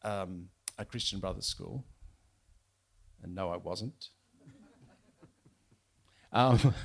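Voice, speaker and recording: A man, an author chatting wryly and reading aloud from his novel at a bookshop event. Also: mid-range voice. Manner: chatty, wry, with fillers and restarts.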